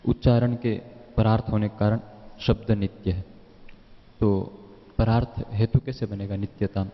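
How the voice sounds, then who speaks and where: A man with a slightly low voice reads a verse aloud and then asks the teacher a question about it. He sounds distant from the mic in a reverberant hall, and the recording is dull and lo-fi. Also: little pitch movement, normal speed. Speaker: student. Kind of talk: classroom question.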